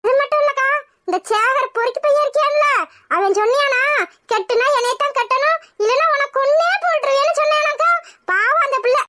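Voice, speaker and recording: A nosy, chattering village neighbor, played by a woman in a cartoon. She gossips. Her voice is very high and bright. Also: brisk. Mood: gossipy. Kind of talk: cartoon voice acting.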